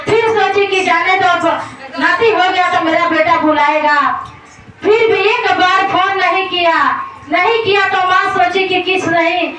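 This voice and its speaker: A very high-pitched woman tells a devotional folk tale in a plain, repetitive way, circling back over her own words. She sits well away from the mic in a heavily echoing space, with clear noise underneath. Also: fairly even intonation, measured pace. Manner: plain, repetitive spoken retelling. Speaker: storyteller. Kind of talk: devotional folk story narration. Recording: very echoey, from far off, noisy.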